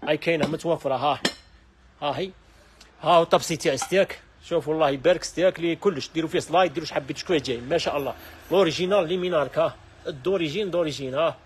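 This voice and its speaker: A man with an Algerian accent running a live sales stream from a household goods shop, with rapid, repetitive calls to look at the wares. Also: fairly high pitch, a little hiss or hum. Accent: Algerian Arabic.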